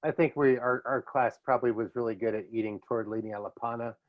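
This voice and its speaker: Middle-aged male host, mid-range voice, animated storyteller, muffled lo-fi recording. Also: mid-range voice, fast talker. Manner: animated storyteller who drops into voices and laughs easily. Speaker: podcast host. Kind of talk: casual reminiscing chat. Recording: dull lo-fi audio.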